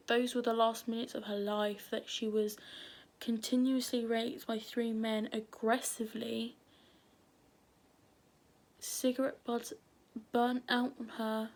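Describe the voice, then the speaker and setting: A woman's voice: a little high, a little mellow. A woman telling a true crime story at home late at night, nervous and often dropping to a whisper. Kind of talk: casual true crime narration.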